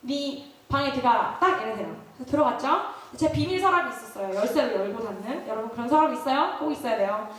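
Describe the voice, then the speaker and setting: A woman's voice: fairly high pitch, expressive, fast, few pauses. A young woman giving a sermon, telling a personal story with laughter and questions to the listeners. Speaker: speaker. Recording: very echoey hall, distant mic.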